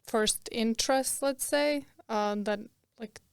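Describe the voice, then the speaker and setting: A woman's voice: fairly high pitch, slow, creaky, smooth, no echo, studio quality. A young woman from Croatia, a podcast guest, chatting casually with lots of fillers and laughs. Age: young adult. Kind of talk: casual interview.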